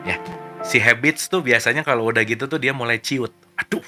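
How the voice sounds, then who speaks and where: A man leading a relaxed online book study, reading passages aloud and then explaining them in a chatty, joking way while checking in with his listeners. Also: mid-range voice, a little fast, faint music behind. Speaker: study group leader. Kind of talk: casual book study talk.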